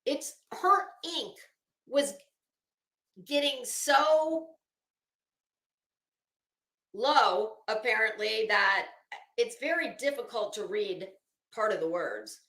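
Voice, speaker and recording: A woman hosting a commentary show reads a document aloud slowly, pausing often, her fairly high voice expressive and sharp. Her running commentary is sardonic and disbelieving, peppered with blunt swearing, and the recording echoes.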